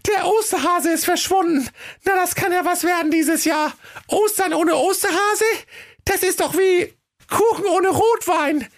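Man doing a fussy little fairy-tale girl: sky-high squeak, excitable, northern German. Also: normal speed. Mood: alarmed. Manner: excitable and chatty. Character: cheeky, fussy little red-hooded girl.

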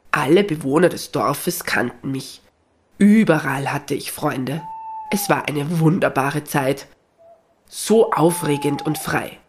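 An old, gentle dog from a children's storybook recording, speaking in a soft, slow, husky voice. He sounds weary and kindly, voiced by the narrator of the tale. His pitch sits in a plain middle range.

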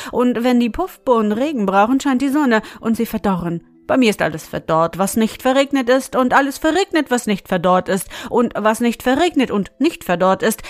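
Reading a storybook, a woman with a fairly high voice plays a grumpy, stingy male hamster farmer. She makes him gruff and loud and has him complain constantly, acting it lightly, with no echo.

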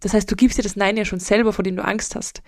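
A woman's voice: medium pitch, fairly even intonation, fast, dry recording, studio quality. A woman hosts a solo podcast, answering listener questions in a direct, emphatic, motivational way. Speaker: podcast host and mental coach.

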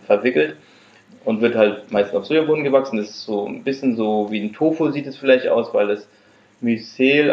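A man's voice: lowish voice, gravelly. A man, the guest on an interview podcast, explaining his craft in his workshop with occasional fillers. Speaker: guest, fermentation producer. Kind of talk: casual interview. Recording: echoey room, dull lo-fi sound.

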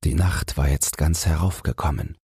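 Husky deep-voiced man reading a bedtime tale. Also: no room sound, studio quality. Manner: calm, measured reading. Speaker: audiobook narrator. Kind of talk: scripted bedtime story narration.

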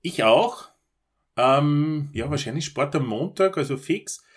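A man's voice: fairly high pitch, animated, slow, slightly rough. A man with an Austrian German accent, co-hosting a podcast over a remote call, chatting casually and joking around with mock announcer calls. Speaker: podcast co-host. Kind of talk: casual chat. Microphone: remote call, Skype.

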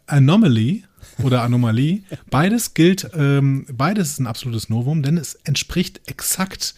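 A man's voice: medium pitch, expressive, unhurried, dry recording, studio quality. A man co-hosting a casual podcast, quizzing his partner with episode trivia and mocking himself along the way. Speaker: podcast co-host.

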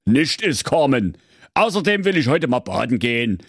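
A man's voice: mid-range voice, big pitch swings, moderate pace, slightly rough, no echo, clean studio sound, pitched above the performer's own voice. A man with a Saxon accent voicing a lazy male wolf who grumbles and complains. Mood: grumbling.

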